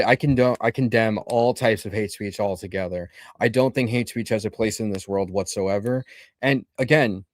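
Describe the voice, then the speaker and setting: A man's voice: medium pitch, no room sound, studio quality. A man in his late twenties debating, sarcastic and combative. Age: 20s. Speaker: debate panelist. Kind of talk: heated debate.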